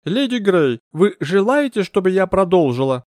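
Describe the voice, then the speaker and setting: A man's voice: high-pitched, very animated, normal speed, darkish tone, no room sound, clean studio sound, pitched above the performer's own voice. A man voicing a theatrical female spirit medium who speaks in an affected, mysterious way. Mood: grand.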